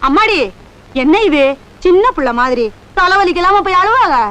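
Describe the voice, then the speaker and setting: A woman's voice: very high-pitched, expressive, moderate pace, sharp tone, exaggerated voice. An actress playing a cheerful, middle-aged village matron, the groom's mother, fussing and gushing in a 1980s Tamil film drama. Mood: effusive. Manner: effusive, fussing.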